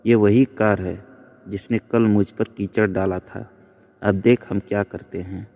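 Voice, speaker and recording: A man's voice: fairly low pitch, fairly even intonation, unhurried, mellow. A man voicing a feisty, bold young woman who talks brashly and scolds. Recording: long reverb.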